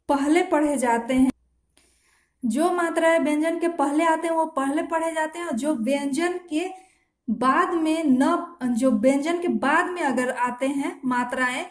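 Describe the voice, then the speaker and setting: Lady shorthand teacher, high voice, slow and repetitive, roomy echo. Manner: slow, repeats each sound and asks "what to read?". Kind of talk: step-by-step spoken lesson while writing. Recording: echoey room.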